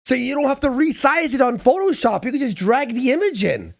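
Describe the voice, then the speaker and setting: A man co-hosting a livestream, talking excitedly and straight to the viewers in casual chat. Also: very high-pitched, brisk, gravelly, a little hiss or hum. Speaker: stream co-host.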